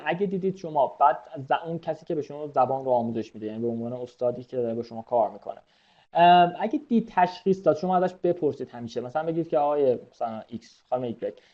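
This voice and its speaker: A man's voice: fairly high pitch, darkish tone, lo-fi sound. A man teaching an IELTS webinar in a chatty, casual lecture style, full of fillers and English terms.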